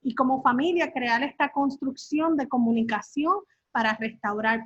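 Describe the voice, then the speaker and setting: Earnest high-voiced woman on a call. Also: a bit bright, husky, no room sound, muffled recording. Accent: Latin American Spanish. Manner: earnest, with many fillers and tag questions. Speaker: workshop speaker.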